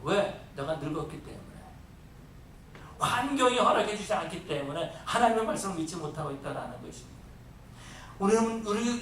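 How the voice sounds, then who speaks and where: Bright-voiced Korean-speaking pastor preaching. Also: male voice. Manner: emphatic, asks the congregation questions. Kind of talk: sermon. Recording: echoey hall, distant mic, faint rumble.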